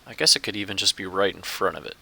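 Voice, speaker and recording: Gravelly man narrating his gameplay. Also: sits low, fast talker. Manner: relaxed, thinking aloud, chuckles often. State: hiccups. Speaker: gaming channel host. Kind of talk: casual let's-play commentary.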